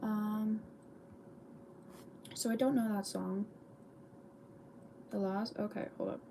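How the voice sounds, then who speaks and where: A woman chatting casually with viewers on a livestream in a soft, laid-back way. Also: mid-range voice, steady tone, slow, slight background noise. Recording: clear music playing behind.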